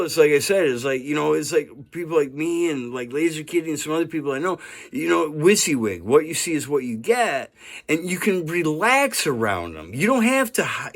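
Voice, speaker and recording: A man in his fifties talking earnestly in a rambling monologue, often asking "right?" and chuckling now and then. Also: on the high side. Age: 50s. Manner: rambling and earnest, with frequent "right?" and "you know". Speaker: vlogger. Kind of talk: casual monologue to camera.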